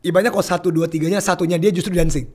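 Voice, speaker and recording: A young Indonesian man, guesting on a podcast, chats casually and tells an animated story, mixing English phrases into his speech. His voice is high and rapid-fire.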